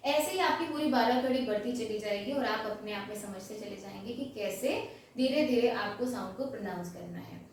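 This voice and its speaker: A woman's voice: fairly high pitch, brisk, slight background noise. A woman teacher explaining a lesson step by step at a board, asking questions and answering them herself. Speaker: English teacher. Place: classroom with a board. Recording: very echoey room, voice from far off.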